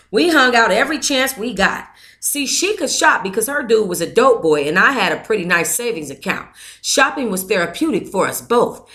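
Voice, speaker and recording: This book club host has a high-leaning, bright voice with a forceful tone. She reads from a memoir in the first person, now and then stopping to thank listeners and comment on the text.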